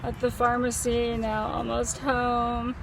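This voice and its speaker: Weak, groggy woman just out of surgery, creaky voice. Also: fairly high pitch, monotone, slow, background noise. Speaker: vlogger. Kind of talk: casual vlog chat.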